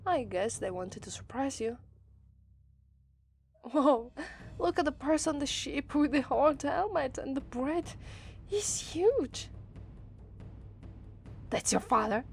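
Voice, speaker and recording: A voice actress with an Italian accent and a high, sweet, exaggerated voice plays a cheerful young demon princess bride in an ASMR roleplay. Excited and loving toward her partner, she speaks slowly and fondly, dissolving into giggles and flustered stammers.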